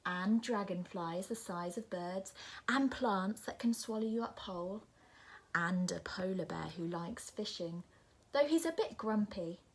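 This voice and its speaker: A woman voicing a gentle, playful grandmother who speaks softly and mysteriously. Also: medium pitch, animated, measured pace, husky. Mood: hushed. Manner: soft, hushed.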